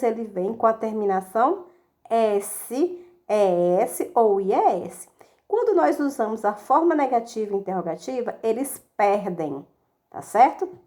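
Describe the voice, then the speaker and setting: A woman's voice: mid-range voice, a little mellow. A woman teacher giving a recorded video lesson, explaining step by step and answering her own questions. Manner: explains step by step, asks the class questions and answers them herself; reads English example sentences slowly and deliberately. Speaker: English teacher.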